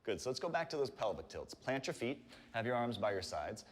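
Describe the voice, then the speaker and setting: A man giving calm, encouraging step-by-step instruction as he leads a guided stretching workout. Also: mid-range voice, a little fast. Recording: reverberant room with long echo.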